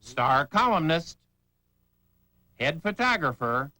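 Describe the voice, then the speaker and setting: A man's voice: fairly high pitch, big pitch swings, takes it slowly, sharp tone, slight background noise. A man narrating a feature report with wry, scripted delivery.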